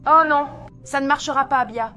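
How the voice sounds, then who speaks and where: A woman's voice: high-pitched, normal speed, music in the background, close to an everyday voice. An actress playing a housemaid who complains in exasperation about a difficult old man. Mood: refusing. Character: exasperated housemaid at the end of her patience.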